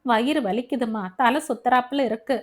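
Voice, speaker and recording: A woman's voice: a little high, steady tone, normal speed, lightly acted. A woman voicing a frightened young man lying ill in a hospital bed, anxious and complaining of pain, in an audio novel. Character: frightened sick young man, fearful of dying.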